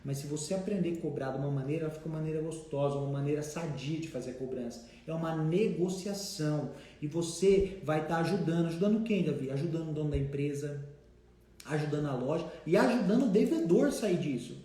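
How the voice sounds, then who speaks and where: Brazilian male trainer, higher voice, lively, acts out debtors; heavy room echo. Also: fast. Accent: Brazilian Portuguese. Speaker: debt collection trainer. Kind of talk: casual instructive talk. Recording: very echoey room.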